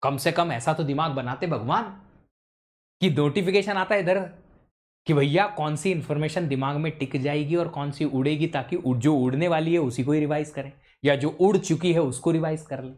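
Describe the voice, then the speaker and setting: सवाल पूछता हुआ ऑनलाइन शिक्षक. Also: male voice, fairly high pitch, moderate pace, darkish tone. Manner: quizzes students, mixes English into Hindi. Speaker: teacher. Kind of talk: live online lecture.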